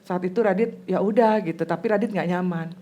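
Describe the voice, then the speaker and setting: A woman hosting a casual podcast, gently asking her child a string of questions and often pausing with hesitant fillers. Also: fairly low pitch.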